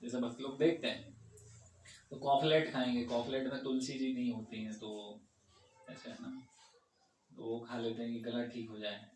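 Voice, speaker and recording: A man with a medium-pitched, even voice speaks at a normal rate but pauses often, answering audience questions as a devotee during an informal temple-hall discussion. He keeps checking that people are with him. Heard from far away in a reverberant room, the audio carries a faint hum.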